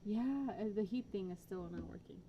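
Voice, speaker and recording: A woman co-hosts a podcast with a dry, offhand manner, reading quiz questions aloud in an easy chatting tone. Her pitch sits in the middle. A clear, steady hiss runs under her home recording. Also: a little fast, lo-fi sound. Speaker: podcast co-host. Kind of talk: casual chat.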